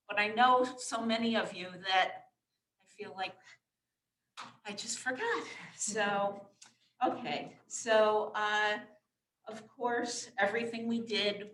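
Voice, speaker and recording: A woman's voice: mid-range voice, pushed and bright, slight background noise. Woman speaking through a face mask, distant, roomy. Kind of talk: informal webinar presentation. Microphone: distant microphone. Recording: roomy echo, distant microphone.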